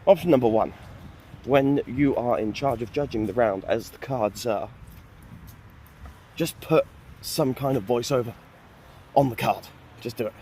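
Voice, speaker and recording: A man's voice: mid-range voice, a little slow, mellow, a little hiss or hum. A man vlogging on a walk with a phone held at arm's length, chatting in a rambling, joking, self-mocking way. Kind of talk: rambling casual vlog. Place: outdoors on a walk.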